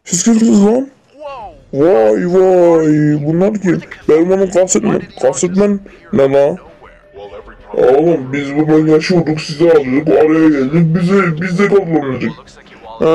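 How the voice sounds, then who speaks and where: A man's voice: a little high, a little slow, dark tone, faint music behind, poor audio. A man doing a rowdy comedic fan dub of a cartoon, exclaiming and swearing casually.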